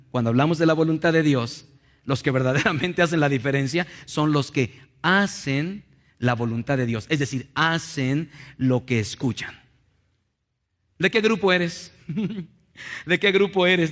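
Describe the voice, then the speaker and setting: A man preaching a lively sermon in a church, acting out little scenes and joking with the congregation. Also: a little high. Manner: animated, acts out little scenes and jokes with the congregation. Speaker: pastor.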